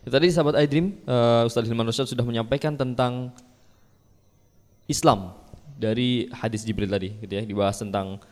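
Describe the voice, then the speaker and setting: A man's voice: mid-range voice, fairly even intonation, fairly quick, pauses often. A man hosting a live AM radio talk show in a conversational way. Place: studio with attendees present. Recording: long reverberant hall sound.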